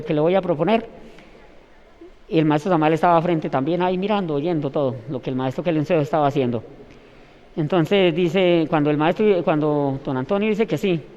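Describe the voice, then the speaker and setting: A man's voice: on the high side, darkish tone, smooth, long reverb tail. A man telling a long story in an interview, rambling and restarting his words. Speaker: interviewee recounting events.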